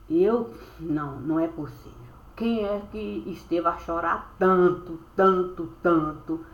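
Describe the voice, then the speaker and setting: A woman telling a spiritual story as a monologue, in rhyming, sing-song phrases that end on drawn-out verbs, recorded on a webcam. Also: mid-range voice, a bit bright. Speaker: storyteller recounting a spiritual experience. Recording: echoey room.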